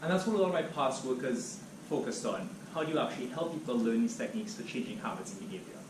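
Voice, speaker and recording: This guest lecturer from Trinidad and Tobago talks fast in a medium pitch, keeping his academic seminar animated yet steady. The recording is echoey and noisy, taken from a mic far away in the lecture room.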